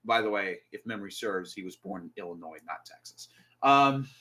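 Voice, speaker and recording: A man's voice: deep voice, lively intonation, brisk, sharp tone, slightly rough. A man from New Jersey chatting casually on a live stream, rambling with restarts and asides while reading definitions aloud.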